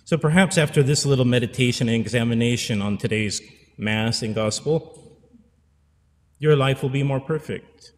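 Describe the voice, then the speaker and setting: Here a forties-aged priest preaches an earnest pastoral sermon through a pulpit stand mic, echoing key phrases for emphasis. The mid-range voice keeps a normal speed, and the church sanctuary gives it a big-room sound.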